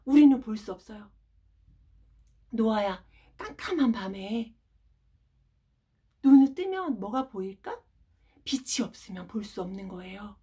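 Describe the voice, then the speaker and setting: A woman preaching to children in Sunday school, telling a bible story in an animated, emphatic way and asking the kids questions. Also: mid-range voice, measured pace, long pauses, breathy edge.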